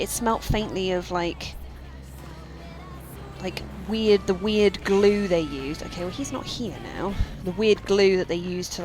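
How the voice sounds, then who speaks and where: Female streamer, chatty and meandering, slightly low voice, faint music under her. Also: poor audio. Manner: rambling, chatty, many fillers. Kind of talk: casual let's-play chat.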